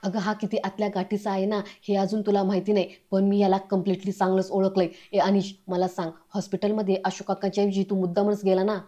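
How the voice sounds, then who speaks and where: A woman reading the lines of an angry young man who accuses his friend over missing money, in a flat, mellow voice. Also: medium pitch, fast, few pauses, lo-fi sound, lightly acted. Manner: accusing, heated.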